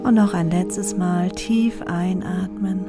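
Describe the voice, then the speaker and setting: Slow, soft woman guiding relaxation, breathy whispers. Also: on the low side, fairly even intonation. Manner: soft, breathy, soothing delivery with whispered exhale cues. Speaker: podcast host and meditation guide. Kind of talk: soft guided relaxation meditation. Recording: music behind the voice. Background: New-age music.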